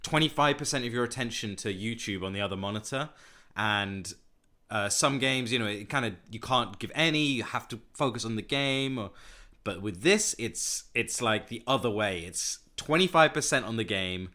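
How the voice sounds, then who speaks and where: A man's voice: on the low side, lively intonation, normal speed, pushed and bright. A man hosting a podcast in casual chat, teasing and rambling, sounding a little nasal. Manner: chatty, teasing, rambling with fillers. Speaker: podcast host.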